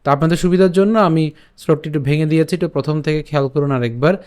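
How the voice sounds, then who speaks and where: A male teacher with a slightly high voice leads a recitation lesson. He draws each Sanskrit syllable out slowly. Between verses he explains quickly, in a steady classroom manner. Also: clean tone.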